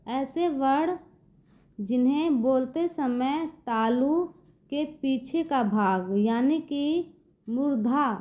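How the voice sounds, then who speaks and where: A woman with a high, mellow voice teaches children slowly and patiently, guiding them one step at a time and repeating herself, often saying "देखिए बच्चों." The recording is dull and lo-fi.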